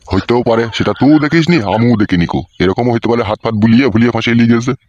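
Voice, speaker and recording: A man's voice: mid-range voice, animated, very fast, a little mellow, close to an everyday voice. A man doing a blunt rustic village uncle. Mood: grumbling. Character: gruff older village uncle. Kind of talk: comedy cartoon voice acting. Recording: dull lo-fi audio.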